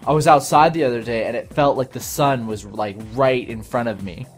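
A man's voice: medium pitch, a little fast. A young man giving casual gameplay commentary, rambling with many restarts and chuckles. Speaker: let's play commentator. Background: faint game music.

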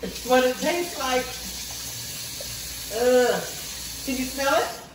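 A woman's voice: high-pitched, normal speed. A middle-aged woman chatting casually and reacting with disgust and amusement as she eats gross jelly beans. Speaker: adult player in a family taste challenge. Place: home kitchen, indoors. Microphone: camera a few feet away. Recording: roomy, distant mic, faint noise.

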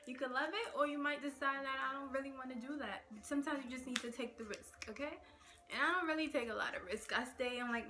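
A woman's voice: sits high, sharp tone. A young woman from Nigeria, chatting casually to camera in a rambling get-to-know-me video, full of "like" and "okay". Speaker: vlogger. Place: indoors in front of a plain gray backdrop.

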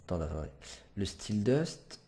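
Low, mellow-voiced man playing a game. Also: big pitch swings, normal speed, a little hiss or hum. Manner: hesitant, many fillers and self-corrections; apologizes for swearing, casual and chatty. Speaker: gamer commentator. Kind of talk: let's play commentary.

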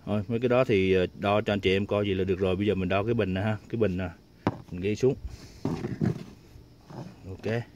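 Low-voiced man tinkering with a solar panel. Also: steady tone, quick pace, pauses often, dull audio, noisy background. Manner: chatty, many filler sounds and restarts. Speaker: DIY tinkering vlogger. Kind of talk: casual hands-on demonstration.

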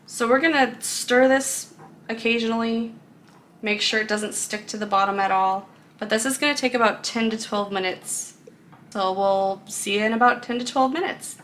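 A woman's voice: on the high side, fairly even intonation, normal speed, fairly bright tone, a little hiss or hum. A woman explaining a recipe step by step in a casual, chatty cooking video, recorded in a home kitchen, laughing now and then. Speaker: cooking vlogger.

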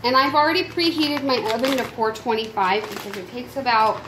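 A woman's voice: on the high side, brisk. A woman casually showing how to make a meal in her home kitchen, talking viewers through each step. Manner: chatty, instructive, talks to viewers. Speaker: mom cooking on camera. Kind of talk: casual cooking demonstration. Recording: echoey kitchen with loud background noise. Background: child crying, household noise.

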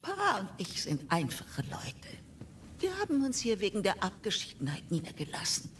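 Sweet old lady, very lively pitch. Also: moderate pace, a little hiss or hum. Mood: homely pride. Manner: homely, polite, sweet old lady way of talking. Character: sweet folksy old farm woman, politely scolding. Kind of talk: video game voice acting, German dub.

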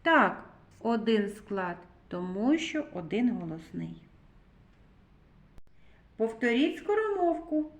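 A woman with a Ukrainian accent teaching a slow, clear phonics lesson to young children, drawing out syllables in a sing-song way. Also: mid-range voice, lively intonation. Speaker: kindergarten teacher. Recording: roomy, dull lo-fi sound.

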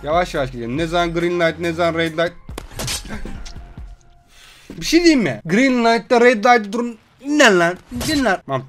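A young man with a Turkish accent giving loud, swearing gameplay commentary with frequent outbursts. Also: high voice, sing-song, normal speed, long pauses, soft background music. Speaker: gaming video host.

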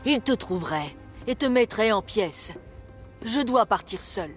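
A woman's voice: medium pitch, expressive, a little slow, pitched above the performer's own voice, lightly acted. Stern old mouse uncle, curt and scolding, game music behind, put on by a woman narrator. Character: stern elderly male mouse uncle, protective.

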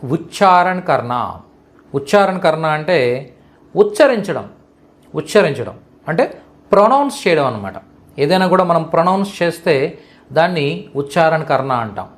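A man teaching Hindi vocabulary, slowly repeating each word and checking that the listener understands. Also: a little high, big pitch swings. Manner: slow, repetitive, checks understanding with questions. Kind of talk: vocabulary lesson explained in Telugu.

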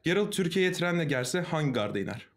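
A man hosting a casual joke challenge stream, talking lively and laughing easily. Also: a little high, a little fast. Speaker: streamer host.

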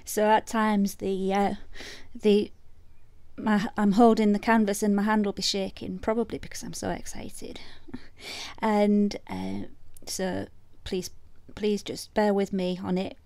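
Bubbly woman, mellow voice. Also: medium pitch, fairly even intonation, takes it slowly, no echo. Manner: bubbly and chatty, dropping to soft murmurs while demonstrating. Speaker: resin artist vlogger. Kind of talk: casual craft vlog.

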